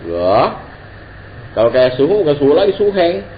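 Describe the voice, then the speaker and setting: A man's voice: a little high, normal speed. Male teacher, informal sermon, muffled lo-fi recording with light hiss. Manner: casual Jakarta-slang preaching, lively and joking. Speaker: Islamic teacher. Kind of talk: informal religious lesson. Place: religious gathering hall. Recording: dull lo-fi recording with faint hiss.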